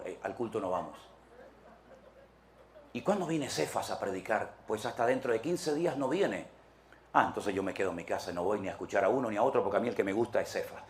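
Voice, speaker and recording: A petty, gossiping churchgoer, as a man puts him on, muttering low and quiet with a whiny, dismissive edge. The voice drops well below the man's own and hurries along, half under the breath. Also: a little hiss or hum. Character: petty, gossiping churchgoer picking favorite preachers.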